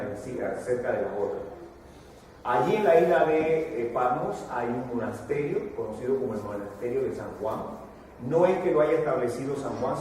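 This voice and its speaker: A man from Panama preaching a sermon, walking the audience through a fill-in worksheet and building to emphatic, drawn-out repetitions. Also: mid-range voice, warm tone, slight background noise. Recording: echoey hall from a distance.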